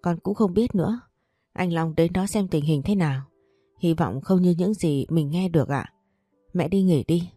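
A woman voicing a frightened young wife who speaks softly and trembles, in a storybook reading. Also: on the low side, normal speed, no echo, soft background music, lightly acted. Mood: anxious.

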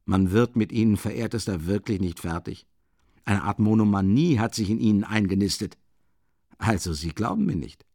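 A man reading an audiobook, voicing an older male investigating judge who speaks softly and insinuatingly with a mocking chuckle. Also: animated, moderate pace, creaky, no room sound, studio quality. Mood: sly. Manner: low, soft, chuckling, insinuating. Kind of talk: audiobook character voice.

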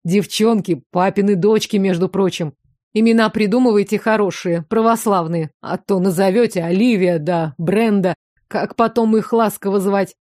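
A woman voicing a brisk, teasing middle-aged woman doctor who grumbles and jokes as she works. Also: medium pitch, darkish tone, no room sound, studio quality, natural voice.

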